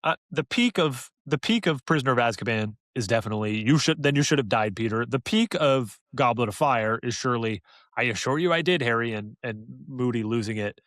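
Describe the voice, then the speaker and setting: On a casual podcast he co-hosts, a man chats loosely and informally, trading jokes and banter as if talking with a close friend. His mid-range voice is a bit bright and fairly quick, with no echo.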